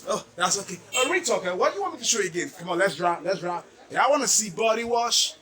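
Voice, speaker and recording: A man's voice: sits high, animated, quick pace, fairly bright tone. A man from Nigeria selling cosmetics, showing off his stock in a stockroom with hyped, slangy salesman patter. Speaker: cosmetics seller. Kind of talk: product showcase video. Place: indoor stockroom full of products.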